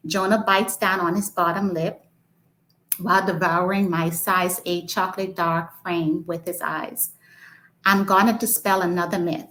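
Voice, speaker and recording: A woman's voice: fairly low pitch, fairly bright tone, poor audio. A woman from the Bahamas, an author talking hesitantly, with frequent ums, and reading from her book.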